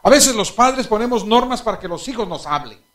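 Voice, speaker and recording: A man's voice: high voice, brisk. A male pastor preaching a sermon, telling anecdotes with laughter and asking the congregation direct questions. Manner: animated storytelling, laughing at his own anecdotes.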